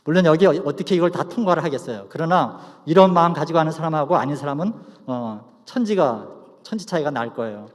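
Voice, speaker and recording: A man's voice: on the high side, expressive, quick pace, hardly any pauses. A man speaking as a pastor, addressing students in a chapel service. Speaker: pastor, guest lecturer. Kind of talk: preaching and prayer to students. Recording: reverberant hall sound.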